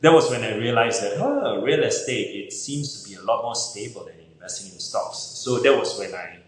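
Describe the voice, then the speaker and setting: A man in his forties from Malaysia, a real estate broker answering interview questions in a measured, storytelling way. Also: lowish voice, lively intonation, reverberant, low-quality recording. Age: 40s.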